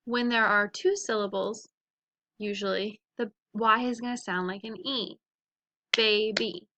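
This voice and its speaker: A woman teaching a phonics lesson to young children, sounding out letters and words slowly and clearly. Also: mid-range voice, fairly even intonation, bright, forceful tone, no room sound.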